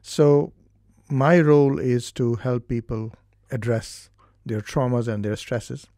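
A man with an Indian accent explains his work slowly and carefully, with frequent pauses. His voice is gravelly and mellow, recorded dry and close in a studio. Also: medium pitch, fairly even intonation, no room sound. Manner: measured, explanatory, with hesitations. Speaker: doctor and therapist. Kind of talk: studio interview.

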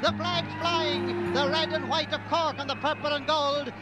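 Irish guy doing old radio sports commentary, really high voice, band music going behind him. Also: moderate pace. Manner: lively, formal, announcing team line-outs.

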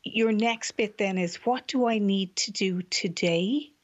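A woman's voice: mid-range voice, unhurried, muffled recording. A woman with an Irish accent explaining as an expert guest, building her advice from lists and questions. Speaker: psychologist guest.

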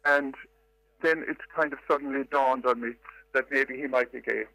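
An older Irish woman calling in to a radio show, her voice disguised by a pitch-altering distortion, telling her story in a measured, reflective way with hesitations. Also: fairly even intonation, fairly bright tone, no room sound. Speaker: caller. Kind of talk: phone-in radio call.

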